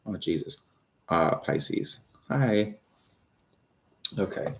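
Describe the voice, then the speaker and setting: A man's voice: low-pitched, expressive, extremely slow, vocal fry. A man in his thirties doing a live tarot reading, rambling and swearing between viewers' questions. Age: 30s. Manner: rambling, swears, many fillers and restarts; talks to viewers, reads out their questions. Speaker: tarot reader.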